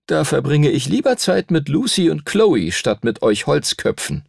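A man's voice: a little high, sing-song, normal speed, creaky, slightly rough, no room sound, clean studio sound, pitched above the performer's own voice, heavily acted. Man doing a cool, sensible boy. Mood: dismissive. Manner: cool and dismissive. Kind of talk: audiobook character voice.

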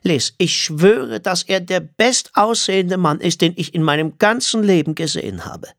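Gushing elderly woman, a man's put-on voice, high-pitched, animated, dry audiobook read. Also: normal speed, no echo. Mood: swooning. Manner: swooning, emphatic. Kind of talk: audiobook character voice.

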